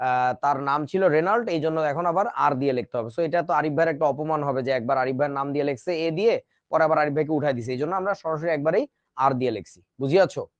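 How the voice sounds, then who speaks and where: A man's voice: fairly high pitch, rapid-fire, no echo, muffled recording. Chatty man teaching chemistry. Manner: chatty, joking asides to students. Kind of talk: casual online class lecture.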